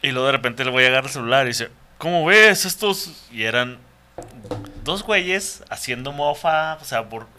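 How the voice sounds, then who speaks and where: A man's voice: mid-range voice, a little fast, sharp tone. A man with a northern Mexican accent telling casual comic stories as a podcast co-host, with slang and swearing. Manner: slangy, profane, joking. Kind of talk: casual comedic storytelling.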